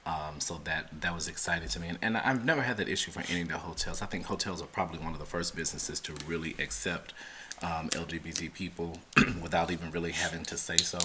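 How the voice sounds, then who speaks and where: A man co-hosting a relaxed podcast, chatty, laughing often and filling gaps with ums. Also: sits low, quick pace, a little hiss or hum. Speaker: co-host. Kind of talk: casual chat.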